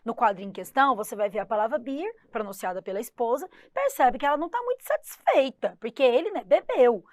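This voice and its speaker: A woman with a Brazilian accent gives an exam-prep English lesson in a slightly high voice. She walks through each point and keeps asking her students rhetorical questions. The sound is close and dry. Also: animated, a little fast, few pauses, darkish tone, no echo. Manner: explanatory, asks the class rhetorical questions, calls herself "the teacher". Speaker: English teacher.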